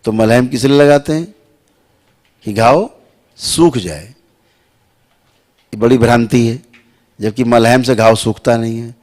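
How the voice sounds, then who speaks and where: A man teaching devotees slowly, repeating sounds to show the right pronunciation and checking that listeners follow. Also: medium pitch, a little mellow. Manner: asks listeners "है ना" and "समझ रहे हैं आप". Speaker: spiritual teacher. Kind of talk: slow spiritual instruction to devotees.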